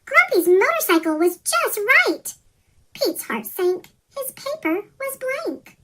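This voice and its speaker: A reader of a rhyming children's picture book, voice pitch-shifted into a chipmunk effect, reading in a sing-song way. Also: very animated, takes it slowly, sharp tone. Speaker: storybook reader.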